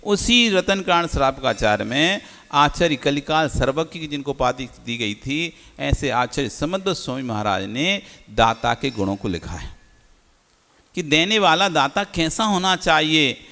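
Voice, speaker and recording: एक पुरुष जैन मुनि प्रवचन दे रहे हैं, श्रोताओं से सवाल पूछकर खुद उत्तर देते हुए, उपदेशात्मक अंदाज़ में।. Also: male voice, fairly high pitch, pushed and bright. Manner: didactic, asks the audience questions and answers them. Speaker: Jain monk giving a discourse. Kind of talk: sermon. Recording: long hall reverb.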